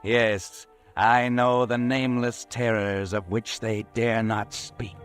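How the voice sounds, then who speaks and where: A man playing the Whistler, an eerie, all-knowing narrator who walks by night, telling the story slowly and ominously in a 1940s radio drama. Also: medium pitch, little pitch movement, close to an everyday voice. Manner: slow, ominous, measured storytelling. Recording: old radio recording with faint music.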